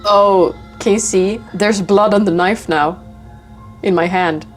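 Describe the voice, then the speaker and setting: A woman with a mid-pitched voice chats casually as she plays a game. She reacts in an informal let's play style. Light game music runs behind her. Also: takes it slowly. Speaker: gamer playing and reacting.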